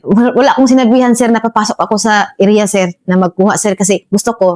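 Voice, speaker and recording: A woman's voice: medium pitch, steady tone, quick pace, darkish tone. A woman corporal telling her combat story to an officer, respectful and deferential. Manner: respectful, says "sir" after nearly every phrase. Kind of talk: interview storytelling.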